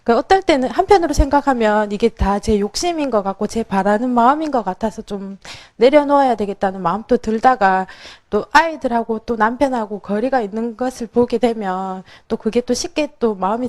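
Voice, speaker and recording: A woman's voice: a little high, fairly quick, darkish tone. A woman in her thirties, an audience member, asking a question hesitantly and politely with many fillers.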